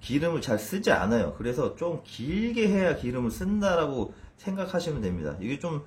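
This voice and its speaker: A man's voice: on the high side, sing-song, brisk. A man in his thirties explaining exercise as a fitness trainer in a casual video, stumbling and restarting with a self-deprecating manner.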